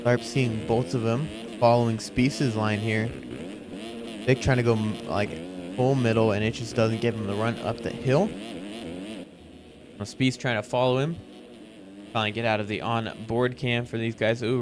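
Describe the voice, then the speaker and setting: A man's voice: mid-range voice, steady tone, moderate pace, noisy background. A man giving live motorsport race commentary in an informal, conversational play-by-play style.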